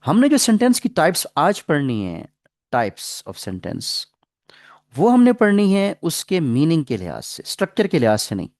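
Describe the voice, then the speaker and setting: Lively male English teacher. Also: high voice, dry recording. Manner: explains slowly, reads English example sentences slowly; asks the class questions and repeats answers. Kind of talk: classroom lecture.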